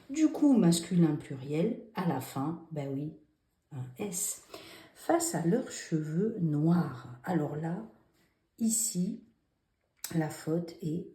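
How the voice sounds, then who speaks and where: A woman's voice: fairly low pitch, warm tone. A woman teacher walking children through a spelling exercise, patient and step by step, asking them questions as she goes. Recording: roomy echo.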